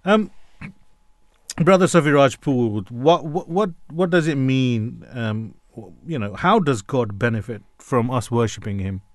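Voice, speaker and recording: A man's voice: mid-range voice, dry recording. Courteous, formal male radio host. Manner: courteous and formal, with halting restarts. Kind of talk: radio interview hosting.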